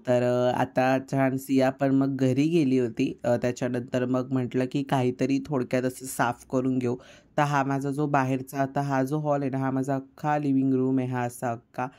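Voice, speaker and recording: A woman's voice: rumbling low, flat delivery, normal speed, dark tone. A woman home vlogger chatting casually, teasing and cooing at a toddler in playful baby talk.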